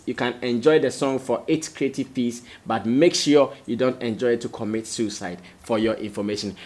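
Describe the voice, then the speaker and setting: A Ghanaian man hosting an entertainment news roundup, talking to viewers directly in a conversational, emphatic way. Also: medium pitch.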